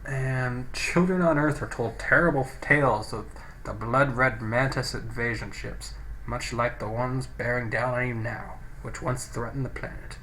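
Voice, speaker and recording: This let's play host speaks in a mid-range, steady voice, a little slow, with a pushed, bright quality and slight hiss or hum. He offers relaxed commentary, musing aloud and reading game text, and his mic is a poor-quality one.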